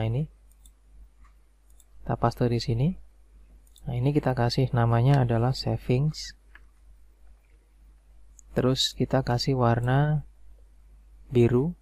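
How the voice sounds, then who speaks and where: Male tutorial narrator, gravelly, dry close mic, mouse clicks behind; calm, step-by-step. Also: mid-range voice, no echo. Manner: calm step-by-step explaining, fillers like "nah" and "oke". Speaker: spreadsheet tutorial instructor. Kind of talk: screen-recorded software tutorial.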